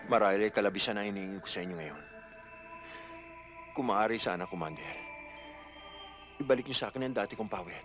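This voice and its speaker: A man's voice: lowish voice, a little fast, long pauses, music in the background, close to an everyday voice. An actor playing a deferential underling in a film comedy who formally pleads with his commander. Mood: pleading. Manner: deferential and formal, then overjoyed. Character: pleading male underling begging for power.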